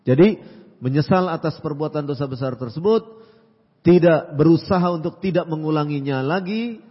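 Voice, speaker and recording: A male preacher with a fairly high voice answers questions in a calm, advising tone, circling back over his points. The sound is dull and muffled with a long hall reverb trailing each phrase. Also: moderate pace, slightly rough. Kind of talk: religious Q&A lecture.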